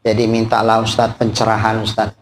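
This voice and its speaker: A man doing a low, weary troubled husband. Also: monotone, fairly quick, a little hiss or hum, lightly acted. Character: troubled middle-aged husband seeking advice.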